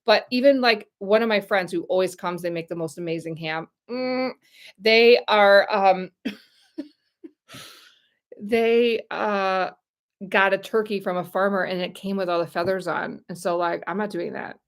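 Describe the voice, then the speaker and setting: This American YouTube host, a middle-aged woman, chats with her livestream audience in a loose, rambling way, addressing them directly. She speaks a little slowly, at medium pitch.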